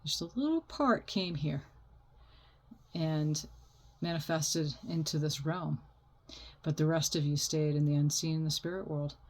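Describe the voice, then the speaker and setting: A woman's voice: deep voice, a little slow. A woman giving an unscripted oracle card reading like a fortune teller, talking in a reassuring, spiritual way.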